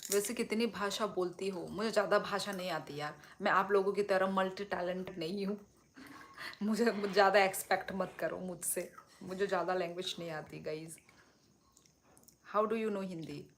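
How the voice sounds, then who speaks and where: A woman's voice: mid-range voice, steady tone, moderate pace, a little hiss or hum. A young woman from Tripura, a native Kokborok speaker, chatting casually on a phone livestream, eating and answering viewer comments in a playful, talkative way. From Tripura, northeast India. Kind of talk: casual live chat, reading viewer comments.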